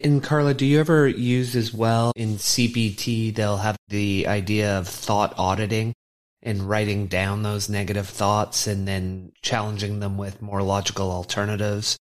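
A man with a fairly low voice hosts an interview podcast. He frames his questions thoughtfully and reflects on what his guest has said before asking more. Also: little pitch movement, normal speed. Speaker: podcast host.

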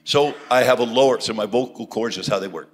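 A male preacher delivering a sermon through an interpreter, speaking in short phrases that swing from loud to hushed. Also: medium pitch, fairly quick, slight background noise. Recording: long hall reverb with faint ambience.

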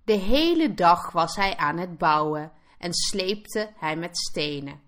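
Slow, expressive woman reading a storybook. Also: fairly low pitch. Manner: clear, expressive read-aloud. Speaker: Dutch teacher. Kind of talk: slow storybook narration for learners.

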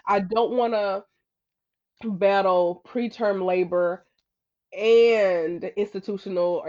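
A woman guest telling her story in a conversational, earnest way, growing animated when she quotes others. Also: medium pitch. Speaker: podcast guest. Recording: slightly dull lo-fi audio.

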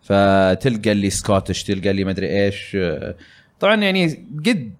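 A man's voice: lowish voice, expressive, fast. A man hosting a casual gaming podcast, talking in a rambling way with many fillers. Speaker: podcast host.

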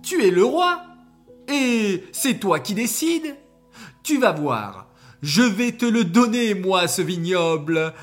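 A storyteller voicing a cruel, scheming queen who mocks and cackles, high and loud in a children's story. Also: very animated, slow, soft background music. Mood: scornful cackling. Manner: mocking, sly, high and loud.

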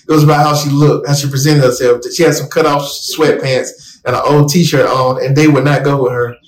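A man's voice: mid-range voice, flat delivery, a little fast, echoey room, slight background noise. A man co-hosting a podcast in casual chat, talking in an earnest, reflective way. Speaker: co-host.

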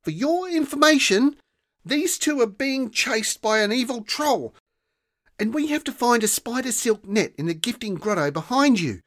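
Narrator as a high-voiced, flustered girl who stammers, then gets indignant. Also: animated, takes it slowly, dry recording, clean studio sound. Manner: stammering, high-pitched, shrill.

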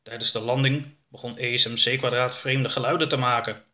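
Man narrating a storybook with a lively voice, bright and clear. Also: mid-range voice, fairly quick.

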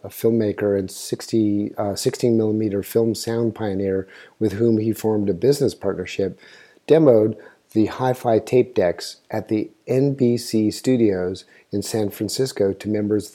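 A man with a fairly low, dark voice hosts a history show, reading scripted narration aloud in an informative, storytelling style. Now and then he stumbles over a word.

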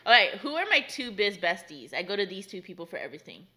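A woman's voice: mid-range voice, sing-song, quick pace, pushed and bright. A woman business coach hosting a casual, teasing quiz with her husband, laughing often.

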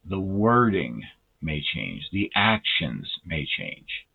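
A man with a very low, husky voice delivers an earnest sermon. He speaks in a measured way and slows down to lean on key words. The audio is thin and tinny, like it came over a phone line. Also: sing-song. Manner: earnest, measured, with slow deliberate emphasis; self-described dry sense of humor. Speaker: lay preacher.

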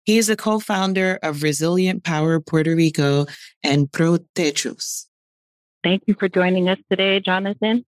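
A woman's voice: on the low side, normal speed, dry recording, low-quality recording. Woman interview host with friendly, encouraging questions and a dry, close sound. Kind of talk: interview hosting.

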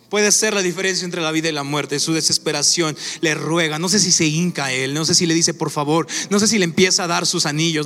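A man preaching a sermon, animated and acting out characters in quick asides. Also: on the high side. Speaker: pastor. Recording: echoey hall with faint music. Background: faint music.

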